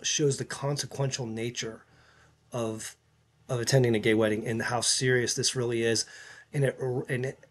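A man hosting his own video channel, giving earnest casual commentary in a halting way, with many fillers and restarts. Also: mid-range voice, little pitch movement. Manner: earnest, recommending. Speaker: YouTube channel host.

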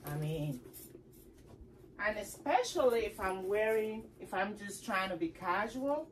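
A woman vlogging from her home, chatting casually to camera about her handbags in an animated, playful way. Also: medium pitch, measured pace, a little hiss or hum. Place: her home, upstairs room.

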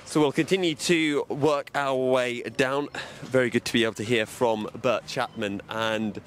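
Outdoors in a racing paddock, a young man roves with a handheld microphone, presenting and interviewing people. His mid-range voice keeps fairly even intonation at a measured pace, with slight background noise.

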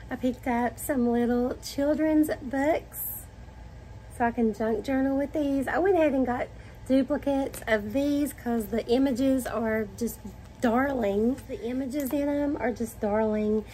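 A middle-aged woman with a Southern US accent, gushing excitedly as she shows off shopping finds to the camera at home. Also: high voice, unhurried, slight background noise. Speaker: vlogger. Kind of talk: haul video chat. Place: home dining room, indoors.

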